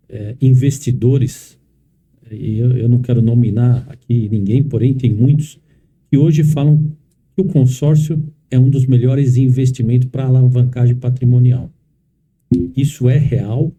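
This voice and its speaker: A man's voice: medium pitch, dark tone. A man hosting a podcast, asking his guest long, framing questions. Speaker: podcast host. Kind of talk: interview questions.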